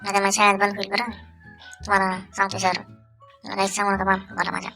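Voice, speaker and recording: A woman's voice: mid-range voice, completely flat delivery, quick pace, vocal fry, lightly acted. A woman voicing a mischievous cartoon schoolboy who pleads and wheedles with his teacher. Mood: pleading. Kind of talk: cartoon voice acting. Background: background music.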